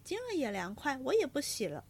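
A woman reading aloud and voicing a fiery, sharp-tongued young maid with quick, petulant retorts. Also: high voice, wildly swooping pitch, gravelly, slightly rough, pitched above the performer's own voice, full character voice. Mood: teasing.

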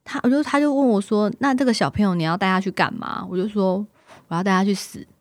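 A woman's voice: mid-range voice, quick pace, no room sound. Lady podcast cohost, storytelling, voice jumps around a lot, dry close mic. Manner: animated storytelling, acts out dialogue, laughs. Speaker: podcast co-host. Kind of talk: casual chat.

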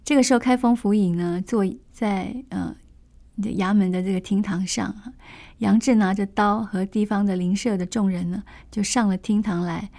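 A woman's voice: medium pitch, steady tone, moderate pace, warm tone. A woman storyteller retelling a classic novel in a chatty way, with many fillers and asides.

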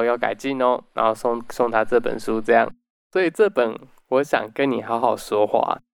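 A man hosting a book summary talk, explaining step by step and dropping in soft "oh" particles. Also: medium pitch, smooth, no echo. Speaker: podcast host.

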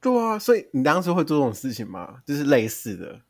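A young man from Taiwan, co-hosting a casual chat podcast, telling stories in an animated, exaggerated way with frequent laughter. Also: a little high, fast, no room sound, clean studio sound. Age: young adult. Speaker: podcast co-host.

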